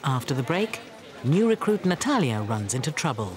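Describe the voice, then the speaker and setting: A man's voice: medium pitch, very animated, normal speed. A man reading scripted documentary narration. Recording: clear background location noise.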